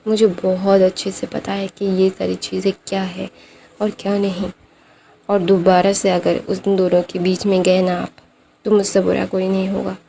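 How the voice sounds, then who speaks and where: Woman playing a fierce, protective mother, firm and threatening, dark, gravelly voice. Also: medium pitch, monotone, moderate pace, slight background noise, natural voice.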